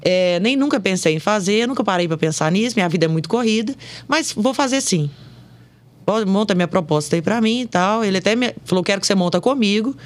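A woman's voice: medium pitch, brisk. A woman, an insurance broker telling stories in a podcast interview and acting out the dialogue. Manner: animated storytelling, acting out dialogue.

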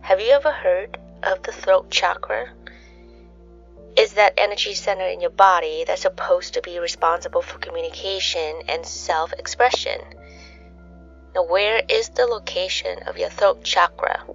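A woman speaks as a sleep story narrator on a bedtime podcast, with a mid-pitched voice that has plenty of creak. She talks in a conversational, musing way. The recording is a little dull and lo-fi, with music playing behind her. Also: moderate pace. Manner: conversational, musing, asks rhetorical questions. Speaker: host of a relaxation sleep podcast. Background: soft background music.

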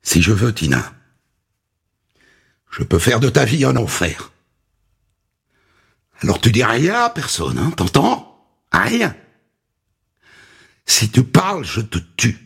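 A man voicing a threatening, abusive man who speaks in a low, hushed menace. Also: wildly swooping pitch, slow, creaky, pauses often, slightly rough, exaggerated voice. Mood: menacing.

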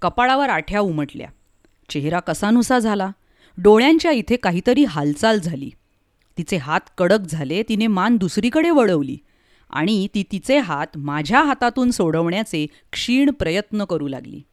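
A woman narrating a story in a measured, emotive reading. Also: medium pitch, big pitch swings, no echo, clean studio sound.

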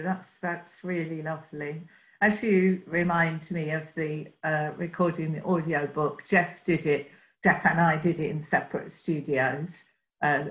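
A woman's voice: low-pitched, poor audio. A woman with an Essex accent, chatting casually as the host of an interview. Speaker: podcast host, coach trainer.

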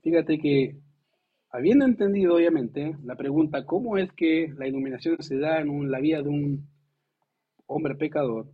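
A man's voice: fairly high pitch, moderate pace, slightly rough. Man preaching over a tinny line. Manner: lively, conversational preaching with rhetorical questions and acted quotes. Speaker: pastor. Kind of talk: sermon. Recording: tinny phone-like sound.

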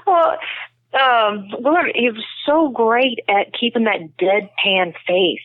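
A woman's voice: on the high side, slow, no echo. A woman co-hosting a podcast, chatting in an easygoing way and laughing readily. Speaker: podcast co-host. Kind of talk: casual chat. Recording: tinny phone line.

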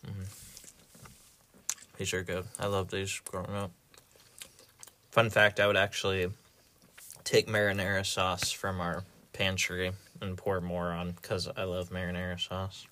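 A man's voice: low voice, completely flat delivery, unhurried, pauses often, bright, forceful tone. A man in casual vlog chat, speaking in a laid-back, matter-of-fact way while recording inside a small closet at home. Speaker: vlogger. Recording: light background noise.

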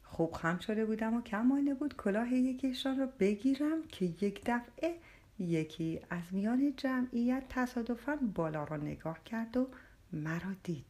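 A woman's voice: on the high side, lively intonation, dark tone. A woman narrating an audiobook in the first person, telling the story expressively.

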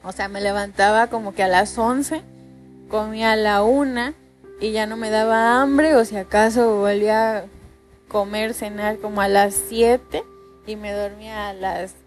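A woman's voice: mid-range voice, steady tone, a little slow, soft background music. A young Mexican woman with a Mexican accent telling a personal story in a casual, chatty way, full of fillers. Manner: chatty, many fillers like pues and ya. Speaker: podcast host.

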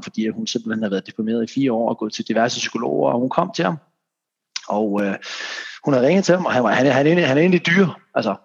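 A man's voice: medium pitch, creaky, husky. A man hosting a casual podcast as a fitness coach, rambling and restarting his sentences, dropping English phrases. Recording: dull lo-fi sound.

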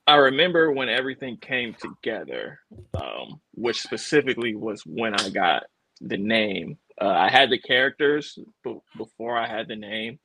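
A man's voice: fairly low pitch, lively intonation, moderate pace, gravelly, pushed and bright, no echo, poor audio. Thoughtful, hesitant man in a dry room. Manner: thoughtful and hesitant, many ums. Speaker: podcast guest promoting his clothing brand. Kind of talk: casual podcast chat.

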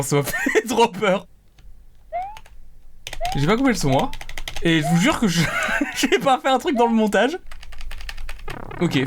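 Sarcastic gamer swearing over game music. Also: medium pitch. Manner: casual, sarcastic, swears a lot. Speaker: video game YouTuber. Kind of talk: let's-play commentary.

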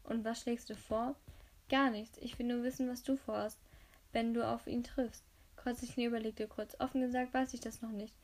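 A woman's voice: a little high, flat delivery, moderate pace. A woman reading a novel aloud, narration mixed with dialogue, who often stumbles over words and corrects herself. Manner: frequent stumbles and self-corrections; reads quoted dialogue a little louder than the narration. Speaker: reader of a novel. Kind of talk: amateur audiobook reading with dialogue. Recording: faint background noise and clicks.

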